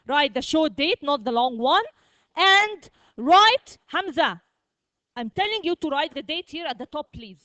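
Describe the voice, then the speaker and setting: A woman teaching a primary school vocabulary lesson, repeating words slowly, drilling the class and checking with "okay?" after each point. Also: high-pitched, animated, pushed and bright, no echo.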